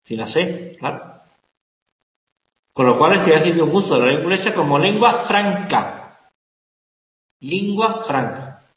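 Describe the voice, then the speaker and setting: Guy lecturing a class, kinda high voice, keeps repeating stuff, big echoey room. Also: animated, normal speed, long pauses. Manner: emphatic, repeats key words, asks the class questions. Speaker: university lecturer. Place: lecture hall.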